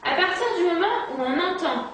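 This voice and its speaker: A woman's voice: extremely high pitch, fairly quick, a bit bright. A woman patiently teaching a flashmob dance routine step by step, counting the moves aloud. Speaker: dance instructor. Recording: echoey distant amateur video.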